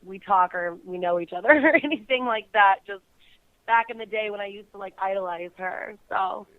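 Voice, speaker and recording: A young woman from California's Bay Area calls in as a guest on a casual interview, giggling often between phrases. Her voice sits mid-range with a clean tone and a moderate pace, though the phone line makes it sound tinny.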